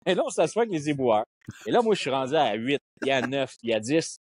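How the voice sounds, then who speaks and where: A man's voice: mid-range voice, fast talker. A man with a Québécois French accent telling travel anecdotes in a casual chat, acting out bits of dialogue. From Quebec. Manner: animated storyteller, acts out dialogue. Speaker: podcast guest.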